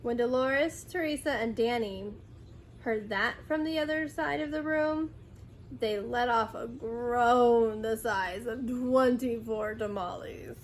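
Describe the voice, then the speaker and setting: A woman with a high voice reads a children's story aloud at an unhurried pace. Her delivery is expressive and dramatic, with faint noise behind her. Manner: dramatic, acts out dialogue.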